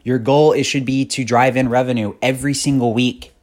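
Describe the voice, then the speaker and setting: A man's voice: mid-range voice, steady tone, brisk, darkish tone. A man in his thirties hosting a podcast, giving a blunt, profane motivational monologue that grows more fired-up. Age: 30s. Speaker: podcast host.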